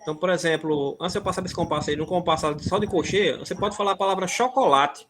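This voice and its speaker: A man's voice: sits high, fast talker, a bit bright. A man teaching rhythm on a video call, chanting syllables and words to explain the beats. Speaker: music teacher. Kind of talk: online music lesson.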